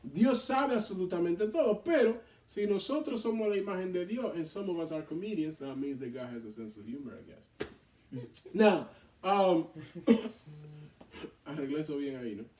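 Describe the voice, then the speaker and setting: A man leading a Bible study, reading scripture aloud and explaining it in an animated way to a responding group. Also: sits high, measured pace. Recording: echoey room, mic far off.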